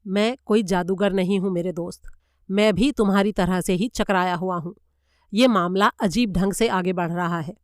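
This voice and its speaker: A cool-headed male detective, as a woman narrator puts him on, lays out his reasoning step by step. His delivery is measured and even. The voice is smooth, close and dry. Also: medium pitch, no room sound, lightly acted. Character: Hercule Poirot, calm methodical male detective.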